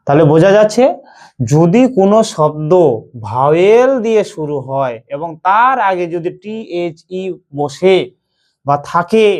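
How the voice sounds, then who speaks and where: A man teaching English pronunciation in a slow lesson, with a Bengali accent, repeating himself and asking and answering his own questions. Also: a little high.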